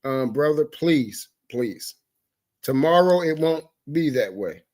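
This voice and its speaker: Speaking slowly in a somewhat high, animated, slightly mellow voice, a man rants with heat and profanity on a livestream talk show. His upset shows in stammered restarts and repeated interruptions to apologize.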